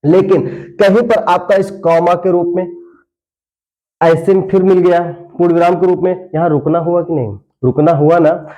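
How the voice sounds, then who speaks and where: A man teaching a grammar lesson, explaining slowly with many repeated phrases and drawing out verse lines as he chants them. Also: sits high, steady tone, mellow, muffled recording.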